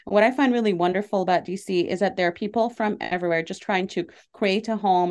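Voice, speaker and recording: A woman's voice: lowish voice, darkish tone. Chatty middle-aged woman from Lebanon. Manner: chatty, earnest, laughs easily, many fillers. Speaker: comedian and show producer. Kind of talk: casual interview answers.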